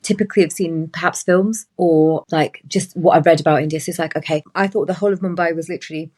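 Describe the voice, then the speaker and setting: A young woman on a podcast, thinking aloud in relaxed casual chat. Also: low voice, quick pace.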